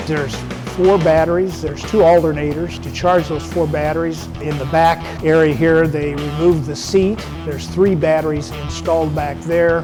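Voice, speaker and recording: A man giving an informal, explanatory promotional narration as a car expert. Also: a little high. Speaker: car expert presenting a restored muscle car. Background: music behind the voice.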